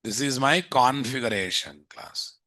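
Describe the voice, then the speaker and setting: A man's voice: mid-range voice, unhurried, sharp tone, dry recording, clean studio sound. A man with a Telugu Indian accent teaching programming in a live online lecture, dictating notes, repeating phrases and quizzing listeners with tag questions. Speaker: programming instructor. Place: indoors, live screen-share online class.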